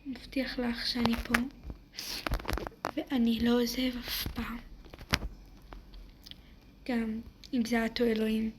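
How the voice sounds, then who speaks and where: A woman in a whispered role-play voicing a gentle teenage boy who soothes a crying girl with soft, repeated reassurances. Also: fairly high pitch, level tone, pauses often, noisy background, natural voice. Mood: soothing.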